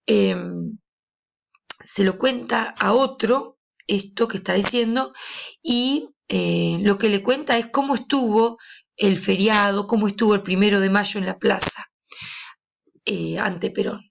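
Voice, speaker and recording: A woman giving a recorded literature lesson, explaining slowly with frequent pauses and hesitations. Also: mid-range voice, expressive, creaky, slight background noise. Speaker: literature teacher. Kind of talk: recorded lesson reading and commenting a story.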